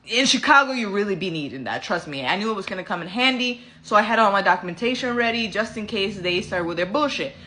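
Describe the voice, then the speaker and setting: Bright-voiced woman telling a sassy story. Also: medium pitch, fast talker, hardly any pauses. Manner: animated, profane, sassy storytelling. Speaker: vlogger. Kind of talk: casual storytime rant. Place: home.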